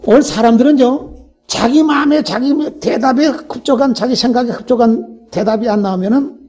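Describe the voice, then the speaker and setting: Older pastor guy preaching sunday sermon, high-ish gravelly voice, loud bits then low asides, faint music behind. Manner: conversational preaching, swinging between loud exhortation and low asides. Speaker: senior pastor. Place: church sanctuary.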